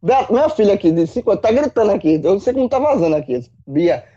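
A man, a football pundit in casual chat, animated, swearing and full of folksy analogies. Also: sits high, rapid-fire, highs cut off. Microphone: remote call.

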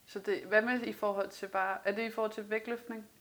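A woman hosting a podcast interview, asking casual questions with quick asides. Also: mid-range voice, little pitch movement, a bit bright. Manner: chatty, quick asides, frequent "mm" backchannel. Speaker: podcast host.

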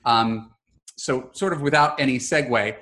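A podcast host in his forties leads a casual interview in a mid-range, slightly bright voice at a measured pace. He's chatty and often repeats words as he begins a sentence.

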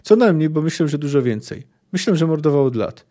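Obsada: mężczyzna czytający ponurego wiedźmina, sucho i zwięźle. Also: male voice, a little high, lively intonation, brisk, dark tone, lightly acted. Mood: dry. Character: grim adult male witcher, dry and curt.

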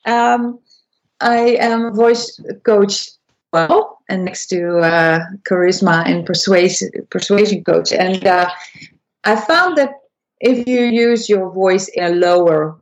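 A woman who is a voice and persuasion coach, explaining to an interviewer, with frequent restarts and high and low demonstrations. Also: slow, lo-fi sound. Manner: demonstrates pitch shifts, squeaky high then low voice. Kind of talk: interview conversation.

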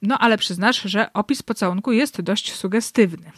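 A woman's voice: medium pitch, normal speed, fairly bright tone, husky, no room sound. A woman giving wry, analytical literary commentary, with dry irony and read-aloud excerpts. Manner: wry, analytical, dryly ironic. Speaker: book reviewer.

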